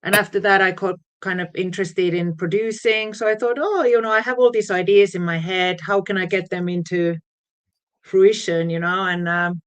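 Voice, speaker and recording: Her mid-range voice stays fairly even at a normal speed as this Finnish woman, a DJ and producer whose first languages are Finnish and Swedish, chats as an interview guest. Speaking with a Finnish accent, she describes her music path with plenty of fillers and laughter.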